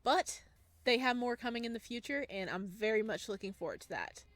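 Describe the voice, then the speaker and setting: Fairly quick and high-pitched, a woman who makes gaming videos animatedly reads out a horror visual novel and then responds to what happens. The audio has no echo.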